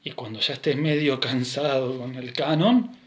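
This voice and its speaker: A man's voice: medium pitch, fairly even intonation, moderate pace. A man with a Rioplatense Spanish accent, a music teacher giving a recorded class, counting steps and singing rhythm syllables as he explains.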